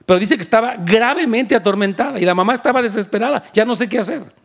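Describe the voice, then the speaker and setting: A male pastor preaching an animated sermon, switching into English and asking for amens. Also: high-pitched, quick pace. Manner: animated, switches into English, asks the crowd for amen.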